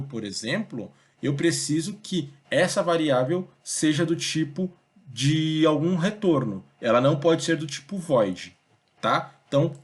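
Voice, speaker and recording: A young man teaching a programming lesson in a relaxed, conversational way, thinking aloud and checking in with his students often. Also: fairly high pitch. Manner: conversational, thinks aloud, many fillers like "beleza?" and "ó". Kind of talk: casual screen-recorded coding lesson.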